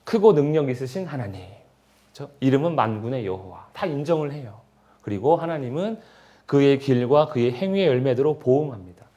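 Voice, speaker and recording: A man's voice: medium pitch, animated, brisk, dark tone, muffled recording. A man, a pastor, leading a Bible study in a conversational way and acting out prayers and replies as dialogue.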